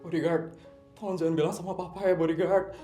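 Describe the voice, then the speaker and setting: A man voicing a heartbroken, gentle teenage girl who speaks softly and pleads. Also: high-pitched, steady tone, fast, lightly acted. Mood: pleading. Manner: soft, pleading, tearful. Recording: echoey room, faint music.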